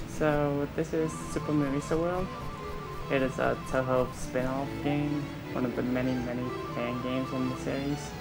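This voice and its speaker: A man commentates on his own speedrun in a relaxed, explanatory way with easy fillers. Loud music plays behind his voice. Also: medium pitch, moderate pace, gravelly, poor audio. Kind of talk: casual game commentary.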